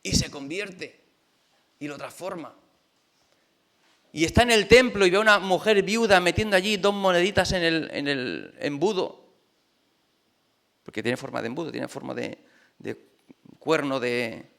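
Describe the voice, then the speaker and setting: Chatty pastor, bright voice. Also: male voice, fairly high pitch, measured pace, gravelly, pauses often. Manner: lively, chatty, rhetorical questions to the congregation. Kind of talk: conversational sermon. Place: church.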